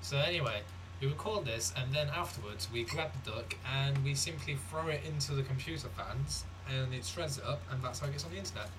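A man's voice: mid-range voice, fairly quick, hardly any pauses, recorded from a distance, background noise. A young man co-hosting a podcast, dry and mocking as he plays along with absurd jokes. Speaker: podcast co-host. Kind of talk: casual comedic chat.

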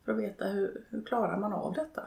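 Creaky, hesitant older woman. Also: medium pitch, steady tone, darkish tone. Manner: hesitant, halting, many pauses and fillers. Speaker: interviewee, widow and network co-founder. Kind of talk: reflective interview talk. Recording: roomy, echoey room.

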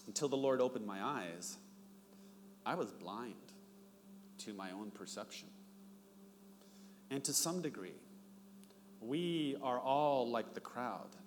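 A man's voice: lively intonation, slow pace, long pauses. A middle-aged man preaching a sermon, telling stories and acting out the dialogue in them. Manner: storytelling, acts out dialogue with rising pitch. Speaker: pastor. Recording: long reverb, faint background noise.

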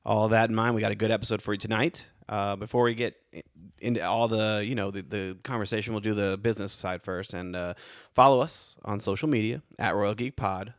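A young man hosts a casual podcast, laid-back and rambling with plenty of fillers. His voice sits on the low side, and the dry recording is studio quality.

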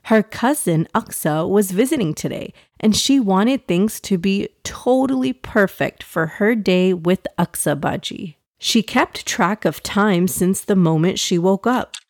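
A woman's voice: mid-range voice, measured pace, few pauses, no room sound. Woman storyteller, dry close sound. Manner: expressive, addressing young listeners directly. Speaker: host and narrator of a children's story podcast. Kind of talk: fireside storytelling for children.

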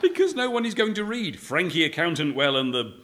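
A man's voice: fairly high pitch, very animated, fairly quick, noisy background. An actor playing an earnest male writer who pleads with his character and reads his adventure prose aloud. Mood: pleading. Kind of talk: comedy audio drama.

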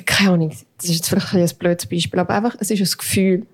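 A woman's voice: fairly low pitch, fairly even intonation, fast, slightly rough. A young woman with a Swiss German accent, co-hosting a podcast and earnestly explaining her views with examples. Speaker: podcast co-host. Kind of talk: casual chat.

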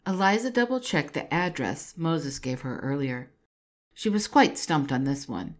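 A woman narrating her own fan fiction story in an even, measured reading. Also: low voice, music in the background.

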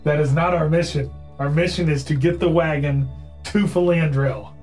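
A man's voice: a little high, fairly even intonation, moderate pace, a little mellow, faint music behind. A man chatting casually as a player in a tabletop role-playing game.

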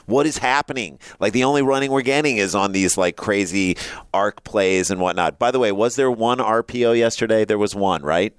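Smooth-voiced excitable man chatting. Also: fairly quick, no echo. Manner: excitable and anxious, rambling with big pitch jumps. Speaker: podcast co-host. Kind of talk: casual sports chat.

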